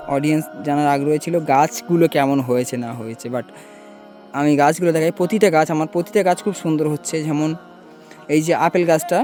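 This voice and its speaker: A man vlogging casually from a rooftop garden outdoors, talking in an animated, coaxing way and often raising his voice playfully. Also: fairly high pitch. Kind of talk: casual vlog chat.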